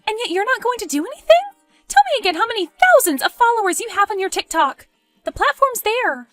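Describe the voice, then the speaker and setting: A woman voicing an excitable, pushy young woman friend in an animated story, exclaiming and goading. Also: very high-pitched, brisk, dry recording, faint music behind, voice pushed up, full character voice.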